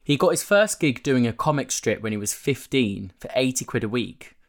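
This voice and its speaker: A man narrates a written magazine interview as a scripted reading, voicing the quotes as he would a newspaper feature. His medium-pitched voice moves at a normal speed with lively intonation.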